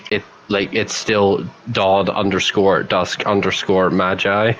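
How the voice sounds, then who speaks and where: A man's voice: low-pitched, little pitch movement, slow, fairly bright tone, highs cut off, slight background noise. A man from Northern Ireland with a Northern Irish accent, a podcast guest making blunt, dry remarks. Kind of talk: casual chat.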